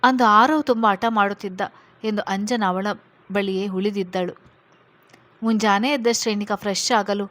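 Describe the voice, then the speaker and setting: A woman narrating a serialized story aloud in an even, measured way. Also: medium pitch.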